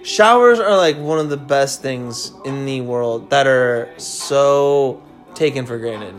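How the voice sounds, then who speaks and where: A man's voice: mid-range voice, takes it slowly. A young man hosting a casual podcast, joking, teasing and swearing a lot. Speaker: podcast host. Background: music playing.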